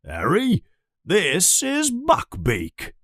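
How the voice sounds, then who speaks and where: A man's voice: sits high, huge pitch swings, extremely slow, a bit bright, breathy edge, no echo, studio quality, pitched above the performer's own voice, heavily acted. A man reading as Hagrid, coaxing giant teacher. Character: big kindly male giant teacher, eager.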